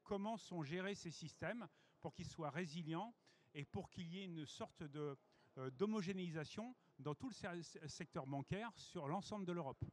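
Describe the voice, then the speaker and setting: Higher-voiced man presenting at a masterclass. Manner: measured explanatory delivery with frequent hesitations. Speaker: head of innovation strategy presenting.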